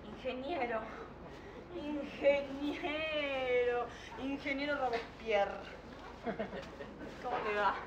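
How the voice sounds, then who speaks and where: An actress playing a young woman from the future on stage, flighty and distracted, dropping to murmurs and bursting into shouts. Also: sits high. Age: young adult. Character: young woman from the future, scattered, telepathic, urgent. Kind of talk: stage monologue. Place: theatre stage. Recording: echoey theatre from far off, audience noise.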